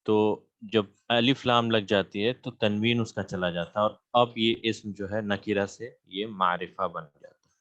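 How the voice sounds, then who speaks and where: A man's voice: lowish voice, fairly even intonation, fairly bright tone, no echo, lo-fi sound. A man teaching Arabic grammar in an online class, patiently repeating terms and checking in with his students. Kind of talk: online class lecture with screen share. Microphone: computer mic on a video call.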